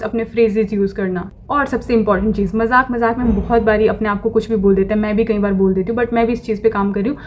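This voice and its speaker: A woman's voice: on the high side, a little mellow, a little hiss or hum. A woman giving a casual motivational talk to camera, repeating phrases over and over and slipping affirmations into her speech. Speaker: self-improvement vlogger.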